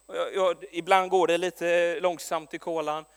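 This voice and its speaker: A man preaching a sermon with a notably high voice, telling stories in a lively way and often restarting his sentences. His words ring with the long reverb of a large hall. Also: clean tone. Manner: lively storytelling with frequent restarts and stumbles.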